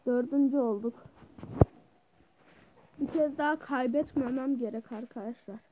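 A woman hosting her gaming channel, giving live gameplay commentary, who yells at the game and then mutters complaints. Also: high voice, unhurried, narrow, tinny audio, noisy background.

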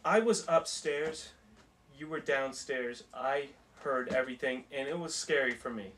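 A man's voice: mid-range voice, a little slow, fairly bright tone, a little hiss or hum. A young man in a comedy sketch, blunt and exasperated, with short lines. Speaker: friend at an intervention.

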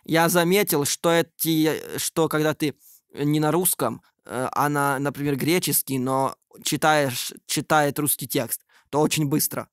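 A man's voice: a little high, fairly even intonation, a little slow, clean tone, dry recording, clean studio sound. A man giving casual, improvised screen-recording commentary, hesitantly thinking aloud. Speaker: video creator.

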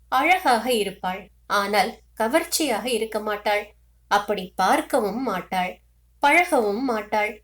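A woman narrates a short story in a measured, expressive way. Her voice sits slightly high for a woman. She reads at an even storytelling pace.

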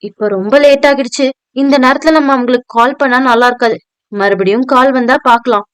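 A polite and anxious young working woman from an audio novel, voiced by the woman narrator. She sounds hesitant and respectful, in a bright, high voice a little above the narration. The sound is close and dry. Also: brisk, clear, resonant tone, dry recording, natural voice. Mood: puzzled. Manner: hesitant, respectful, addressing a superior. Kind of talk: audio novel dialogue reading.

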